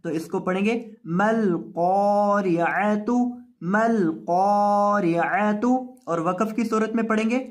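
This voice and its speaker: A man with a Pakistani Urdu accent teaching Quran reading, spelling out letters and drawing out each syllable in a slow recitation lesson. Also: high voice.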